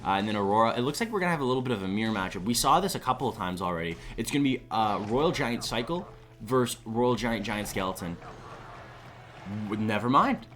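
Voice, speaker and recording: A man's voice: fairly low pitch, fast talker. A young man giving live esports commentary in a chatty, rambling way, taking asides between plays. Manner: chatty, rambling asides, animated when excited. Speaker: esports caster.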